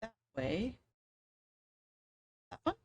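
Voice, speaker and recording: A woman casually talking to herself as she works through a puzzle game on a live stream, with dry sarcastic asides. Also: very slow.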